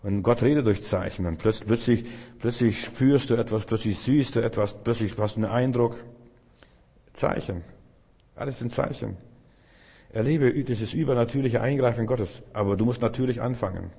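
A man's voice: medium pitch, normal speed, vocal fry, warm tone, slightly rough, in a large hall. A male preacher delivering a sermon, speaking straight to the listener with repeated, emphatic phrases. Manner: addresses the listener directly as "du", repetitive, emphatic.

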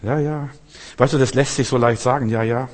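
A man preaching a fervent sermon, talking straight to the listener, swinging from loud outbursts to low murmurs. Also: fairly even intonation, a little fast. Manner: addresses listener directly with questions.

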